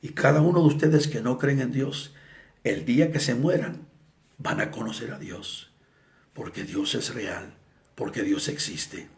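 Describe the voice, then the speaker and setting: A male evangelist preaching a sermon, telling stories dramatically and acting out the people in them, sometimes with shouts. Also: mid-range voice, a little slow, creaky. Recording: echoey room.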